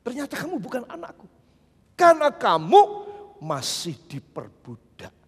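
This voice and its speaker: Man doing stern God, low and quiet, chiding, husky voice. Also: huge pitch swings, normal speed, big-room sound, exaggerated voice. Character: stern God scolding a faithless child.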